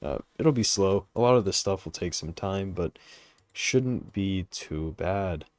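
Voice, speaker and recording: Sleepy, slow-talking young man streaming a game. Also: sits low, expressive, no echo. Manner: hesitant, thinking aloud with many fillers, reads chat questions. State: sleepy, yawning. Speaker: gaming livestream host. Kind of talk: casual live commentary while playing.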